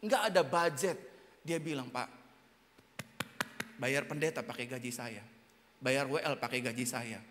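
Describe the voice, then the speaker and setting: A man pastor with an Indonesian accent preaching a sermon in a large auditorium, swinging between quiet talk and sudden loud shouts. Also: medium pitch, unhurried, pauses often, long reverb tail, a little hiss or hum. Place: hotel auditorium church service.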